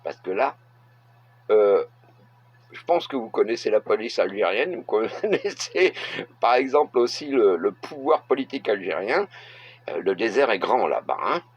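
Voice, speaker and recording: A middle-aged man from France, giving a blunt opinion monologue to camera and pausing often to hesitate. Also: on the low side, very animated, breathy edge. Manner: blunt, halting with frequent filler hesitations. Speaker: vlogger. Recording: dull lo-fi recording.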